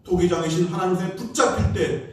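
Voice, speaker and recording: A man's voice: sits high, quick pace, heavy reverb, recorded from a distance. A man preaching a Sunday sermon as pastor, a storyteller who acts out the voices of people in his stories. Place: church sanctuary.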